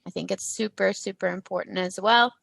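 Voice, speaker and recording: A woman hosting an interview, encouraging and quick to laugh along with her guest. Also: mid-range voice, steady tone, creaky, fairly bright tone, no room sound. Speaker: interview host. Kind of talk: casual interview chat.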